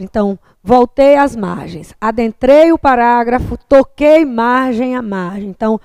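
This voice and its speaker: A woman's voice: on the high side, darkish tone, smooth, no echo. A woman teacher with a Brazilian Portuguese accent, patiently explaining handwriting and margins in a classroom lecture and checking in often.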